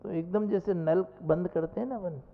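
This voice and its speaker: A male monk giving a sermon, telling a story in an animated way with rising exclamations. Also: high voice, normal speed. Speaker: Jain monk preacher. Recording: echoey hall, dull lo-fi sound.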